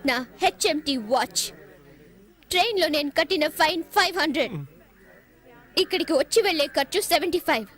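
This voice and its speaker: A headstrong young woman student in a comic film, who talks back with defiant, bossy certainty. Her voice is very high and bright. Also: animated, a little fast, long pauses.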